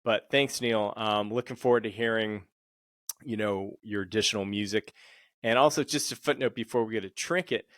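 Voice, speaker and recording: A man's voice: lowish voice, normal speed, fairly bright tone, dry recording, clean studio sound. A middle-aged man hosting a panel interview, rambling with many fillers and restarts. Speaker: podcast host and sync agent.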